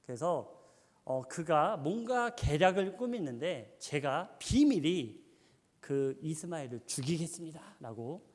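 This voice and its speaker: Guy doing a hushed earnest army captain, quiet and serious, church reverb. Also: on the high side, lively intonation, a little slow. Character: worried loyal male army captain.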